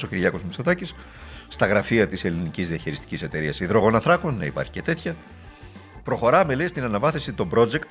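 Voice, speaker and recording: Sarcastic man giving a political speech. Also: mid-range voice. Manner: sarcastic and rhetorical, mocking.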